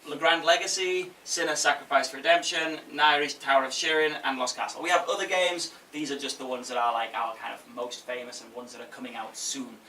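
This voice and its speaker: Guy doing a casual jokey conference talk, bright forceful voice, echoey room, bit far from the mic. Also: mid-range voice, steady tone, a little fast, few pauses. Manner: jokey, conversational, checks in with audience. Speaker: game publisher giving a talk. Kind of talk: informal conference presentation. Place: indoor event room with audience. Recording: echoey room from afar, faint noise.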